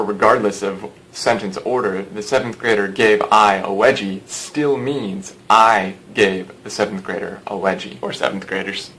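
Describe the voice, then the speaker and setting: A man giving a recorded lecture as a teacher, explaining with dry, sarcastic asides and lively emphasis. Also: mid-range voice, poor audio. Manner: lively, shifting pace and emphasis.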